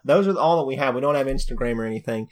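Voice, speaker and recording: A relaxed man in casual podcast chat, rambling and joking as he goes. His voice sits in an ordinary middle range. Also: mid-range voice, racing. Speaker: podcast co-host.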